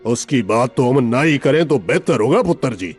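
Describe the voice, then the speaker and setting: A man's voice: mid-range voice, lively intonation, moderate pace, slightly rough, soft background music. An actor playing a huge, boastful, good-hearted father in a cartoon, speaking in a hearty, showy way. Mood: fatherly. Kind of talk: animated cartoon dubbing.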